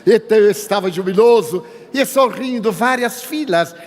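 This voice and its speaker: A man's voice: high voice, normal speed. An older man from Bahia giving a spiritist lecture in sermon style, telling humorous anecdotes and acting out the dialogue. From Bahia, Brazil. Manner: storytelling, acts out dialogue, humorous. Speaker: spiritist speaker. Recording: reverberant hall.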